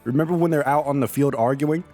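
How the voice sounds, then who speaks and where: A man's voice: a little high, fast, warm tone, soft background music. A man hosting a game lore channel, retelling the story in a casual, jokey way with self-mocking asides.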